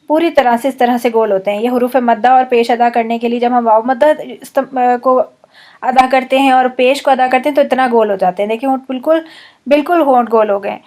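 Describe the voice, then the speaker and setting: Woman recitation teacher, kinda high voice, slow n careful, repeats every word twice. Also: darkish tone. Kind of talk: online lesson.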